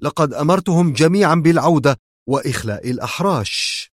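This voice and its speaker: A man voicing a calm, smug male villain who mocks his captive quietly and without hurry. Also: fairly high pitch, dry recording, clean studio sound, pitched above the performer's own voice. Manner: quiet, mocking and unhurried.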